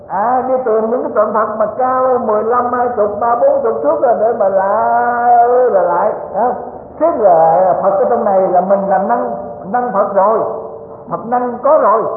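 High-voiced man preaching. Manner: folksy, joking, with frequent tag questions. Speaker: Buddhist teacher giving a dharma talk. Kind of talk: sermon. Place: lecture hall. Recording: tinny, echoey hall recording, faint hiss.

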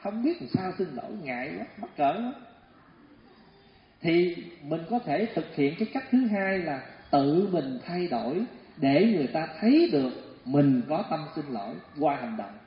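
A male Buddhist teacher gives a dharma talk, animated and full of acted-out stories. His voice sits a little high. The recording is dull and lo-fi, with long hall reverb and faint ambient noise. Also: measured pace. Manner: storytelling, animated, acts out voices.

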